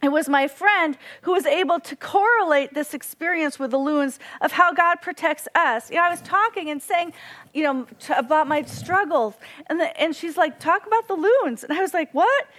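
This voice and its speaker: A woman with a high voice gives an earnest devotional talk. She tells a personal story in an animated, lively way and breaks into bird cries now and then. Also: moderate pace. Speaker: devotional speaker.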